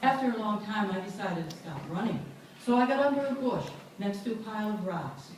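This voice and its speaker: A woman's voice: medium pitch, expressive, a little fast, a little mellow, a little hiss or hum. Woman reading aloud in an echoey gallery. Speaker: reader at a book launch. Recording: echoey room, far from mic.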